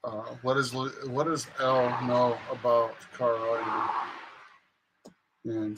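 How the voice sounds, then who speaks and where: A man's voice: medium pitch, little pitch movement, slow, very noisy. A man hosting a casual livestream, easygoing as he explains the plans for the show. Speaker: host.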